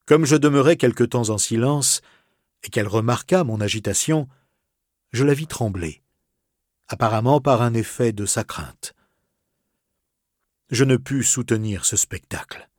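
A man reading a classic novel aloud as narrator, expressive and softly dramatic. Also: medium pitch, a little slow, pauses often, no room sound, clean studio sound. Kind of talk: literary audiobook reading.

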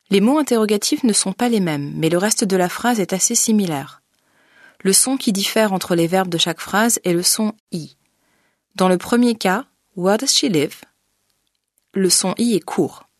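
A woman narrating a scripted pronunciation lesson as a teacher. She speaks in a clear, methodical way and slows down to model each sound. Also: medium pitch, animated, dry recording, studio quality. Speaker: language teacher.

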